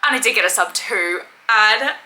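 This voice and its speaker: A woman's voice: medium pitch, moderate pace, sharp tone, slight background noise, rough recording. A young adult woman chatting casually to her viewers as a vlogger. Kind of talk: casual chat to camera.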